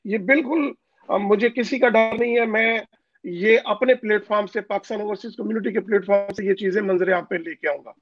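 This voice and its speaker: A man's voice: sits high, steady tone, brisk, dry recording. A man from Pakistan speaking as an interview guest over a phone call line, insistent, with many hesitant fillers. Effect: voice heard over a phone call line. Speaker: interview guest, overseas community leader. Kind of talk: political interview. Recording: dull, dry phone call audio.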